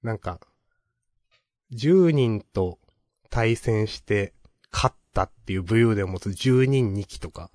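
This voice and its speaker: A man's voice: fairly low pitch, animated, slow pace, pauses often, a little mellow, no echo, studio quality. A man co-hosting a podcast, telling stories in rambling casual chat with many fillers and chuckles. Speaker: podcast co-host.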